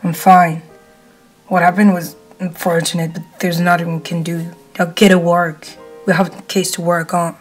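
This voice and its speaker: Bakugo, a gruff cursing young hero, voiced by a woman. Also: lowish voice, flat delivery, normal speed, faint music behind, natural voice. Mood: curt. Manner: blunt, cursing, commanding. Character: gruff short-tempered young male hero.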